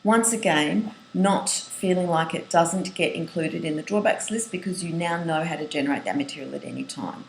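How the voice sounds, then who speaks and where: A woman's voice: low-pitched, moderate pace, vocal fry, hardly any pauses. A middle-aged woman, a writing coach, giving a webinar lesson in an earnest manner, listing points and sometimes restarting phrases. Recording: roomy echo, faint hiss.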